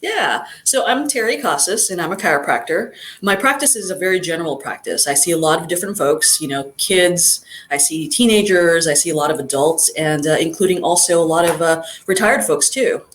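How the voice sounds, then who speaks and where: A middle-aged guest from Southern California, talking in a casual interview in a thoughtful, rambling way with many fillers. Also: female voice, lowish voice, animated, fairly quick, few pauses. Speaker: guest chiropractor.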